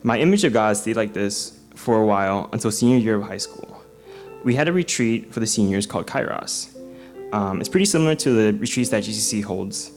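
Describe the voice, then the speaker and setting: A man's voice: fairly low pitch, expressive, brisk, soft background music. A young man in his twenties from Singapore giving his baptism testimony at a church service, earnest and peppered with ums and uhs. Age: 20s. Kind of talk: prepared personal testimony.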